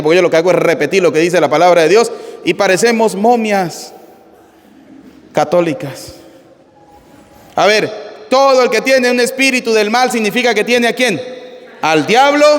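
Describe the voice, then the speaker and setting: High-pitched guy priest giving a sermon, blunt, asks the crowd questions all the time, big echoey church. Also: moderate pace, long pauses. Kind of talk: live sermon on the Gospel. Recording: reverberant church hall.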